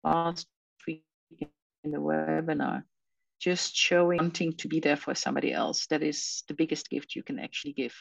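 A woman's voice: low-pitched, level tone, moderate pace, creaky, no room sound, dull audio. A woman, a guest on a podcast, earnestly talking about empathy at work in long, flowing thoughts. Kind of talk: interview conversation.

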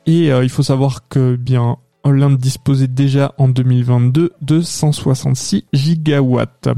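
A man hosts an economic news podcast, talking through the press review in a relaxed way with frequent hesitations. His voice is very dark and gravelly. The sound is dry and close, with no room in it. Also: mid-range voice, a little slow, dry recording. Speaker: podcast host.

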